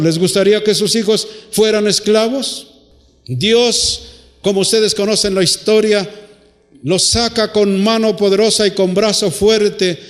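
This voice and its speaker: A man delivers a sermon to his congregation, stretching key words and pausing on rhetorical questions. His voice sits high for a man. The recording carries the long reverb of a church hall. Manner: drawn-out emphatic phrases. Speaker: preacher.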